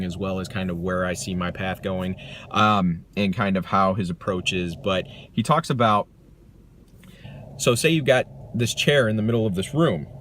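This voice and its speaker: Man vlogger, lowish voice, earnest self-help talk, faint noise behind. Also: a bit bright. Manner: earnest, reflective, rambling with restarts. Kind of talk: casual self-help monologue to camera.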